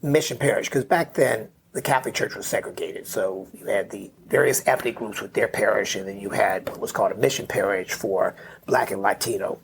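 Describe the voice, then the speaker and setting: A middle-aged man guesting on a podcast, a memoir author, rambles loosely through a family story in interview style, tacking on "right?" and "you know." His lowish voice is creaky and fairly quick, with slight background noise.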